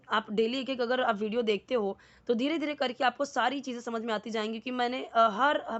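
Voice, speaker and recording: A woman's voice: a little high, highs cut off. A woman teaching spoken English, explaining word by word and repeating words for practice.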